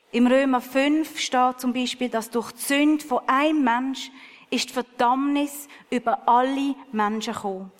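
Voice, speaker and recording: Slow-speaking woman preaching in a hall. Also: on the high side. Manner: earnest, personal, conversational preaching. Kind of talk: sermon.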